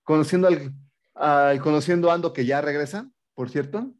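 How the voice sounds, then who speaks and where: A man's voice: fairly high pitch, moderate pace. A man with a Mexican accent co-hosting a movie review show, talking in slangy, incredulous rants in a casual, humorous chat.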